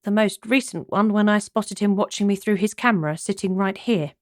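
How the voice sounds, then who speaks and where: A woman's voice: medium pitch, brisk, dry recording, studio quality, close to an everyday voice. A woman voicing a playful, flirtatious female amateur sleuth in a cozy mystery audiobook. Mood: casual, curious.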